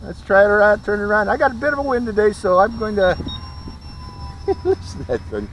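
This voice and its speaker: A man's voice: high voice, expressive, fairly quick, a bit bright, slight background noise. A man casually reviewing a small racing drone in a folksy, chatty way, with fillers and light laughs. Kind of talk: casual product review and flight commentary. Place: outdoors during flight.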